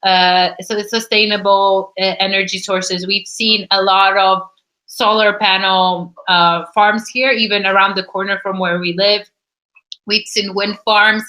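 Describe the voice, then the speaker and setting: Woman host, casual chat, bright voice, lively delivery. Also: medium pitch, measured pace, low-quality recording.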